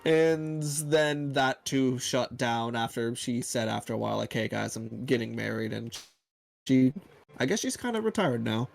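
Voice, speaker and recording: Man, gravelly voice, casual gaming chat, rambling stories, faint music. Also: mid-range voice, lively intonation, unhurried. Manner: rambling storyteller. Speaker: guest player. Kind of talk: casual let's-play chat.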